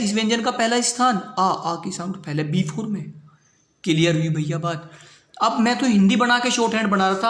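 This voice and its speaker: A man with a high voice teaches a shorthand lesson, walking through each step and repeatedly asking his students if they follow. The room is echoey. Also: fairly bright tone. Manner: repetitive, checks understanding with "clear hui bhaiya baat". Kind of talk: classroom lesson.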